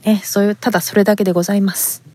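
A woman from Fukuoka, Japan, hosts a podcast, racing along in a mid-range voice with little pitch movement. She reads listener letters in a polite, chatty manner, peppered with frequent fillers.

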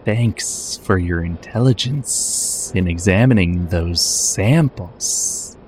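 A performer voicing a sinister, calmly menacing suited man with a snake-like voice, slow and drawn out, in a comic story reading. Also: deep voice, slight background noise, rough recording. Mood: calm menace.

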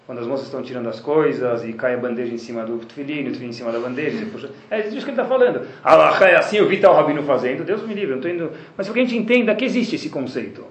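A man with a Brazilian Portuguese accent, teaching a religious class as a lively storyteller who keeps addressing his listeners with rhetorical questions. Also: mid-range voice, very fast, few pauses. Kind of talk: lecture to a class. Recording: roomy, with faint background noise.

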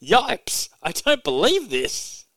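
A man voicing a loyal, easily shocked super-powered dog from a comic, with a high, anxious tone. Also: wildly swooping pitch, takes it slowly, fairly bright tone, heavily acted.

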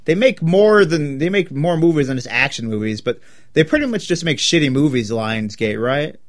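A man's voice: on the high side, big pitch swings, normal speed. A man co-hosting a movie podcast, bantering casually, joking, laughing easily and arguing small points. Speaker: podcast co-host. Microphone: headphones at a podcast mic.

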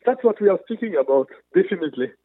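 A man's voice: high-pitched, lively intonation, fast, no echo. A man, a motorsport manufacturer executive, answering interview questions earnestly over a remote line, restarting phrases as he searches for words. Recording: tinny phone-like remote line.

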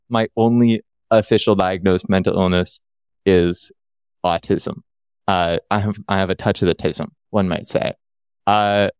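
A man's voice: lowish voice, clean tone, no room sound, studio quality. A man from Canada chatting as a podcast guest, rambling and joking at his own expense. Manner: rambling, self-deprecating, jokey. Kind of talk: casual chat.

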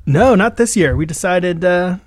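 A man co-hosting a podcast in casual chat, telling rambling, animated stories and laughing often. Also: high-pitched, moderate pace, no echo, clean studio sound. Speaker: podcast co-host.

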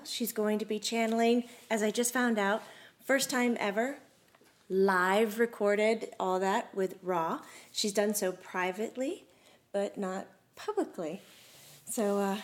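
Woman host, live stream, bubbly and excitable, mid-range voice. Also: mid-range voice. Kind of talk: live-streamed talk show. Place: studio room.

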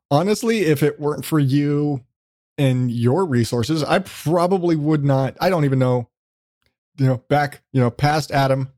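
A mid-range man with a darkish tone hosts a podcast, rambling casually through an interview chat. He cracks jokes, puts himself down, and swears, recorded in studio quality with no echo.

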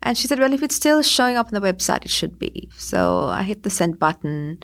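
A woman's voice: medium pitch, big pitch swings, brisk. A woman in her forties, originally from Sri Lanka, telling her career story as an interview guest in a chatty way with many fillers. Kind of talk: conversational interview.

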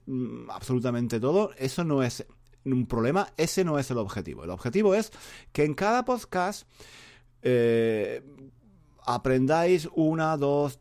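A man's voice: medium pitch, a little mellow. A man from Spain with a Spanish accent hosting a casual podcast lesson, rambling and repeating phrases, with many fillers and tag questions. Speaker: podcast host and Spanish teacher.

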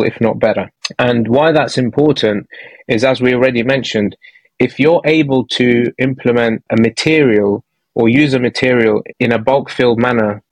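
A man's voice: mid-range voice, no room sound, low-quality recording. A man speaking as an expert podcast guest, giving a conversational technical explanation.

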